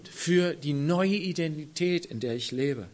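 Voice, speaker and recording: Impassioned preacher man, hushed to loud. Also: a little high, a little slow. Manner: swings from hushed near-whispers to loud emphatic rises; addresses the congregation directly. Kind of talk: sermon.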